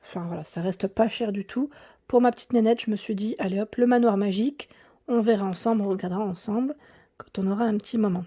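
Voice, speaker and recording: A woman's voice: medium pitch, quick pace, mellow, breathy edge. A young woman chatting casually to viewers, showing off her shopping haul, with many fillers, restarts and frequent laughs. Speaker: YouTube vlogger.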